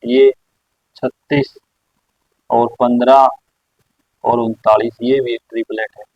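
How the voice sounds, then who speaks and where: A man teaching a maths lesson at a board, explaining slowly and repeating his own questions for the class. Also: mid-range voice, little pitch movement, dry recording. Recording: dry, slightly dull lo-fi sound.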